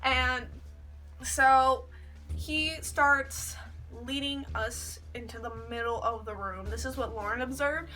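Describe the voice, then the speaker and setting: A young woman, telling a story to camera in a chatty, animated way and saying "like" a lot. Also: sits high, slow pace, faint music behind, low-quality recording. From Canada. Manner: chatty, heavy use of "like", animated retelling. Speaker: vlogger. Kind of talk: casual storytelling.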